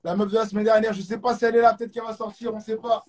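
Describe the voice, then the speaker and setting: Racing along in a high-pitched, slightly mellow voice with a level tone, this French-accented host runs a live stream quiz. He's pumped up, leaning on catchphrases and English exclamations, and is picked up by a phone or webcam mic.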